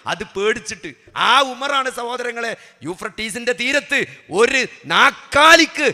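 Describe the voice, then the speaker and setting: A man preaching a sermon, swinging between hushed and loud emphatic passages, with rhetorical questions to the audience. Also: high voice. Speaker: Islamic preacher. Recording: echoey hall with long reverb.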